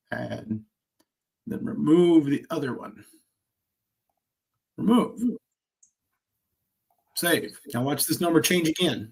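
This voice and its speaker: With a fairly high, gravelly voice, an insurance agent trainer shows off quoting software on a shared screen. His delivery is energetic and salesy, dotted with brisk asides.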